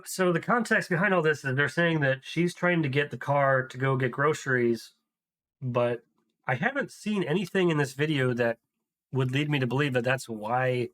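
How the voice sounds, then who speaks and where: A young adult man hosting video reactions comments casually on a clip, thinking out loud with frequent hesitations and restarts. His voice is mid-range and a little bright.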